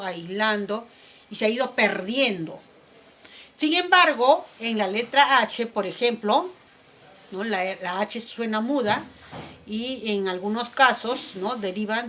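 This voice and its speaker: A woman's voice: fairly high pitch, a bit bright. A woman teaching a lesson, explaining step by step and answering her own questions, with frequent tag questions and fillers. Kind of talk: lecture on language development.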